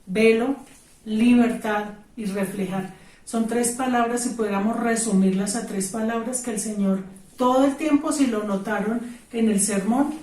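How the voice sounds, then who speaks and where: A woman's voice: fairly high pitch, moderate pace, a little mellow, distant mic. Woman preaching in a roomy hall. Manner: emphatic, repeats key words. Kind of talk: sermon with prayer. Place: church hall. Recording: roomy sound from off-mic with faint music.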